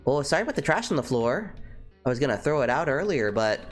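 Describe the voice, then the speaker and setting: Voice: mid-range voice, very animated, fast, faint music behind, pitched above the performer's own voice, lightly acted. A streamer reading out a chatty robot diner worker's lines in a raised, gossipy voice. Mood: apologetic.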